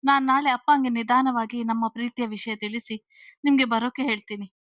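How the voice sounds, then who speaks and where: A woman voicing a nervous young woman who talks in a hurried, stammering way in an audio story. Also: a little high, fairly even intonation, a bit bright, no echo, studio quality, close to an everyday voice. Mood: anxious. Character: nervous young woman hiding her boyfriend, flustered.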